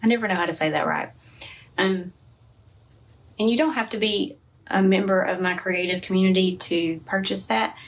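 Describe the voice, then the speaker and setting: A woman's voice: medium pitch, steady tone, moderate pace, long pauses. A woman teaching a live painting lesson, chatting and thinking aloud as she paints. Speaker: art teacher. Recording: from a distance, faint room noise.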